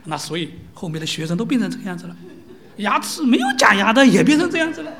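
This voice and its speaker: A preacher giving a sermon in lively storytelling style, often asking "right?" of the listeners and dropping into soft, near-whispered asides. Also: medium pitch, fast talker, a crowd in the background. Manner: lively storytelling with rhetorical questions.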